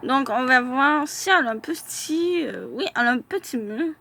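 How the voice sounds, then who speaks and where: A woman's voice: high-pitched, lively intonation, normal speed, pushed and bright. A woman chatting casually in a vlog as she reviews fan profiles, hesitating often with filler sounds and restarts.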